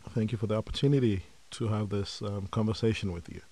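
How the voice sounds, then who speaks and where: Middle-aged man from Nigeria, low warm tone, reflective interview guest. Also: fairly even intonation. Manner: measured, frequent um fillers, reflective. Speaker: podcast guest, company founder. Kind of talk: conversational interview.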